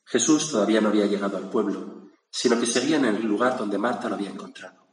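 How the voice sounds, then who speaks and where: A man with a fairly low voice speaks fast while preaching a reflective gospel sermon. His manner is conversational, with small asides to listeners, and the echoey hall carries faint room noise.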